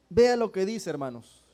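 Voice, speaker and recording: Male preacher, high pitch, call-and-response sermon style in church. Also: mellow. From El Salvador. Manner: asks the congregation rhetorical questions and often calls them brothers.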